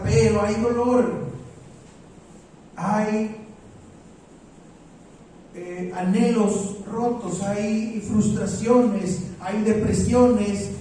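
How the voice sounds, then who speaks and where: A man preaching a sermon as pastor, slow and deliberate, repeating his phrases. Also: high-pitched, warm tone, very echoey, recorded from a distance, slight background noise, low-quality recording.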